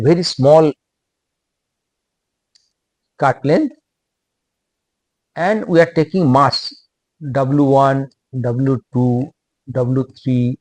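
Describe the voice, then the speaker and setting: A man with an Indian English accent giving a technical lecture, speaking in short halting phrases and repeating himself. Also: mid-range voice, a little mellow, no room sound.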